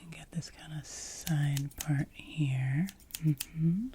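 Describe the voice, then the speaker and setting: A woman performs a whispered role-play as a hairdresser, close to the microphone. Her whisper is low, breathy and mellow, with a very unhurried pace. She soothingly repeats short phrases in an ASMR style. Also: steady tone, slight background noise. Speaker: ASMR creator playing a hairdresser.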